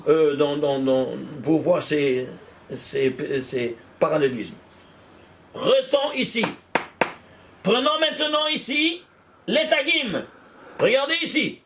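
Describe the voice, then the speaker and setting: A man teaching a Kabbalah study class, animated, repeating numbers out loud and exclaiming in wonder as he questions his students. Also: sits high, slight background noise. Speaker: Torah teacher.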